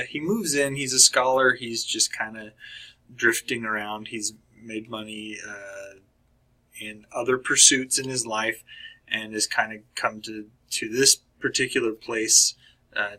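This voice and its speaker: Man, slow and halting, bright tone; casual book review, frequent throat-clearing. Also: medium pitch, rough recording. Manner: halting, many fillers and restarts.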